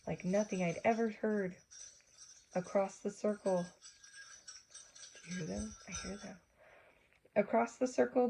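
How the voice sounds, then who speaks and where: Over slight background noise in a rough recording, a woman with a medium-pitched voice gives an expressive children's book reading. She acts out the exclamations with animation and stops to chat with the young listeners and ask them things.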